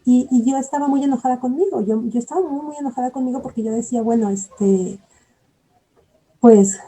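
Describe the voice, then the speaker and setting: A woman's voice: fairly high pitch, fairly quick, warm tone, low-quality recording. A woman giving an earnest, reflective personal testimony, often repeating herself as she searches for words. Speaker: bereaved mother giving testimony.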